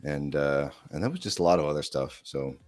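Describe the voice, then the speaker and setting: A man with a very low voice co-hosting a podcast. He speaks in a measured way, slipping in dry jokes, while faint music runs underneath. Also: darkish tone. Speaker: podcast co-host. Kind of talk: casual chat.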